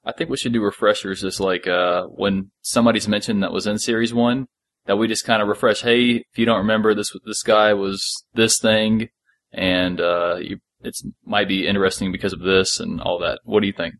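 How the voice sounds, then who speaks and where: Rambling and joking, this man co-hosts a podcast and chats informally about an audio drama. He speaks at a moderate pace with a voice on the low side, fairly even intonation and a fairly bright tone.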